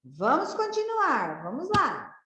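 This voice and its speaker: Woman teacher, children's reading drills, very slow and patient, lively rising and falling pitch, echoey room. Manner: slow, patient, repeats each syllable and word twice. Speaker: literacy teacher.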